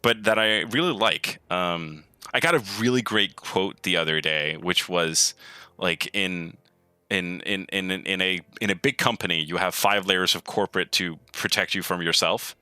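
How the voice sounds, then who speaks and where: A man's voice: low voice, moderate pace, pushed and bright, clean tone, no room sound. A man being interviewed about his work as a game programmer, talking casually and enthusiastically with many restarts and repeated words. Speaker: lead gameplay programmer, guest.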